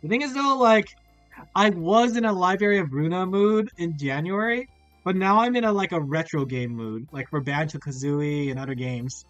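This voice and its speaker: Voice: medium pitch, normal speed, a bit bright, no room sound, dull audio. Streamer, crunchy bitcrushed portable mic, rambling curious chat, dry close sound, faint music behind. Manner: rambling, curious, asks many questions. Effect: crunchy, bitcrushed-sounding mic audio. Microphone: laptop portable streaming setup.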